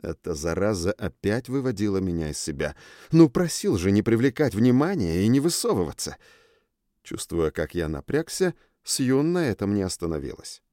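A man narrating an audiobook in the first person, expressive with a wry tone. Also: on the low side, normal speed, dry recording, clean studio sound.

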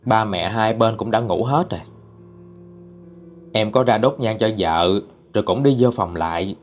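A man's voice: fairly low pitch, unhurried. A man narrating a first-person ghost story in a plain, mournful way. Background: faint music.

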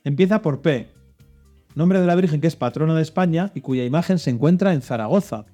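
Man, children's quiz host, slightly high voice, reads clues and drops hints. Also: brisk, dark tone, soft background music. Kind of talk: hosting a children's religious quiz show.

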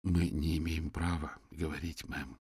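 A man's voice: very deep voice, flat delivery, measured pace, slightly rough, no echo, studio quality, full character voice. A man doing a soothing, charming detective. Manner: gentle, conciliatory.

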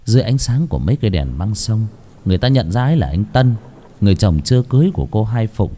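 A man narrating a dramatic audio story in an expressive storytelling manner. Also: fairly low pitch, quick pace.

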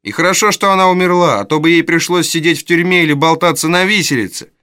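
A man voicing a spiteful, taunting older charity boy in a storybook reading, his voice jumping high and jeering. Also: fast, pushed and bright, clear, resonant tone. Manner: jeering, shrill, then wailing for help.

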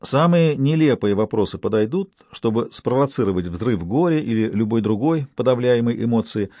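A man narrating an audiobook in a measured, subdued way. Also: mid-range voice, expressive, warm tone, no echo.

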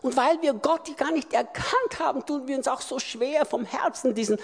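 A man preaching a sermon, emphatic and repetitive, with loud swells. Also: very high voice, normal speed, gravelly. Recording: long reverb of a large hall.

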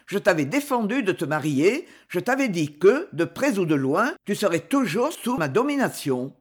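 A man's voice: sits high, sing-song, breathy edge, full character voice. A woman reader voicing a cruel, sarcastic aristocratic count who speaks coldly and with menace. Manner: cold, sneering, measured.

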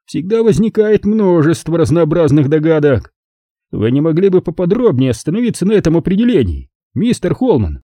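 Man voicing a haughty rough-voiced German count. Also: on the high side, big pitch swings, fairly quick, mellow, dry recording, studio quality, pitched above the performer's own voice. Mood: lazy. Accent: slight German. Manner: lazy, condescending, teasing. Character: bald, heavy, haughty German count, mocking.

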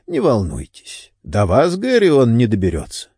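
A man voicing a calm middle-aged detective who questions a suspect in a firm, pressing way. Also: mid-range voice, normal speed, slightly rough, no room sound, clean studio sound, heavily acted.

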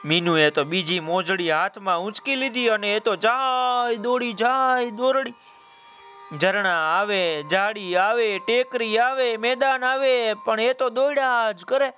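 A man's voice: sits high, unhurried, sharp tone, faint music behind. A man telling a children's story in a playful, sing-song way, addressing young listeners.

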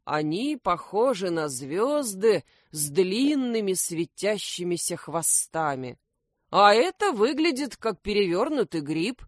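A cheerful, self-assured animal detective from a children's story, read by a woman. He speaks slowly and surely, with a lively rise and fall in a dry, close sound. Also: medium pitch, no echo. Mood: confident. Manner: confident, cheerful.

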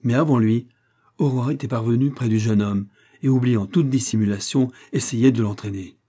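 A man reading a novel aloud in dramatic audiobook narration, with expressive rises and falls. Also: mid-range voice, moderate pace.

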